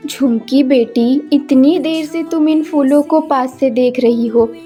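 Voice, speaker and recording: A woman's voice: high voice, slow, dark tone, faint music behind. A woman voicing a loving, worried middle-aged mother in a cartoon story, speaking in a soothing, tender way.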